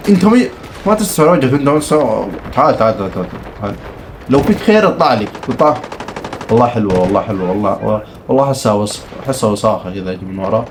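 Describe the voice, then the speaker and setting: A young man giving excitable, teasing live commentary while playing a shooter game. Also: lowish voice, racing, background noise. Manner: excitable, teasing, mutters complaints. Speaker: gaming streamer. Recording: game audio with gunfire behind.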